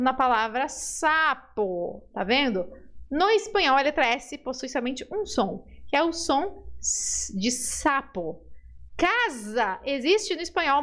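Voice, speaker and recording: Woman, high voice, Portuguese speaker, teacher coaching pronunciation with lively, patient repeats. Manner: lively, coaxing, drills words slowly and asks the viewer to repeat. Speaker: Spanish teacher. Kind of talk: pronunciation lesson.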